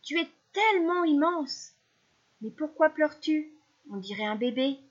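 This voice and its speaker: A small, brave male fish chirps with bright, eager excitement, as a woman storyteller puts him on. His voice sits high and lively. The recording sounds dull and lo-fi. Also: normal speed. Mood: excited.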